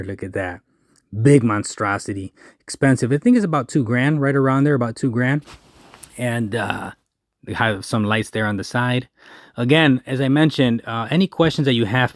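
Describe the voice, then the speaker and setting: A man's voice: medium pitch, no echo, studio quality. A man casually talking through a walking tour of a food truck festival outdoors, pointing things out as he goes. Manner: chatty, points things out as he walks. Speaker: food truck owner and vlogger.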